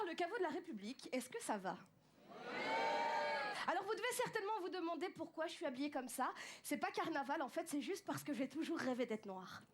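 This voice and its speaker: Woman, stand-up comedian, very high pitch, self-mocking, small club, noisy live recording. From France, of Tunisian parents. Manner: chatty, storytelling, self-mocking.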